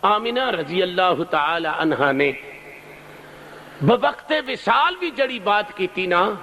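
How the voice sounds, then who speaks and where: A middle-aged man preaching an emotional sermon, his delivery impassioned and swinging between rises and long, drawn-out cries. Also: sits high, big pitch swings, pushed and bright, a little hiss or hum, poor audio. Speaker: religious preacher.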